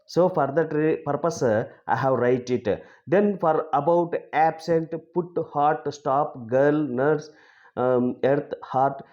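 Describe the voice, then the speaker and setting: A man with a Telugu accent teaching English phonetics, slowly and haltingly, with many fillers, repeating example words. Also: on the high side, a little mellow, highs cut off. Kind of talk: phonetics lesson, exam tips.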